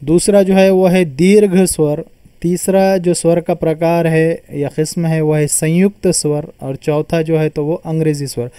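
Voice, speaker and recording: Man, teacher, patient grammar lesson, sounds out terms, fairly high pitch, dry close sound. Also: fairly even intonation, measured pace, mellow, smooth, dry recording. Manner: patient explaining, repeats terms and sounds them out.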